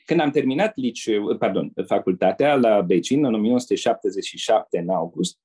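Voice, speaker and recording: An older man from Romania, a retired diplomat, telling anecdotes as a guest in an interview in a measured way. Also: fairly low pitch, animated, dark tone, slightly rough. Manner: measured storyteller who acts out quoted people.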